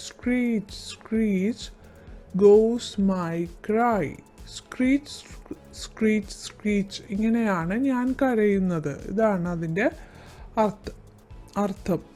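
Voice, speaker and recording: A woman teacher with a Malayali accent explaining a school lesson, reading English lines slowly and deliberately before explaining them. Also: mid-range voice, warm tone.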